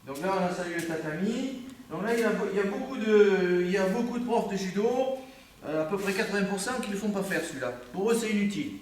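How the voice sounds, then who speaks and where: Fast and lively in intonation, the high voice of a French-accented judo instructor carries across an indoor dojo over a little hiss or hum. He keeps correcting a student on the mat, repeating himself and abandoning phrases halfway. The recording comes from a camera far across a very echoey room.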